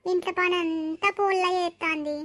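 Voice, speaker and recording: A woman's voice: very high-pitched, fairly even intonation, fairly quick, a bit bright, dry recording. A woman voicing a bossy old village mother-in-law with a Telangana accent, scolding and nagging. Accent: Telangana Telugu. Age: over 60.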